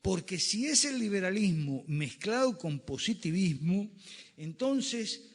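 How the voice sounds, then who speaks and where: A man lectures with slides in a reverberant lecture hall, speaking emphatically and fond of rhetorical questions. His voice is high-pitched and sing-song, and he doesn't hurry.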